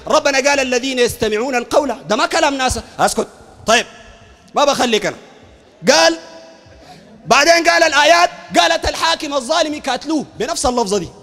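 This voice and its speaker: A man with a Sudanese Arabic accent, a preacher arguing emphatically in a heated public debate, often shouting and repeating phrases. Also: very high-pitched, big-room sound. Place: university hall.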